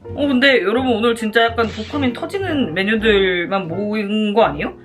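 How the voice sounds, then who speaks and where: A woman's voice: medium pitch, normal speed, faint music behind. A woman chatting casually to viewers as a mukbang host, talking between bites while she eats.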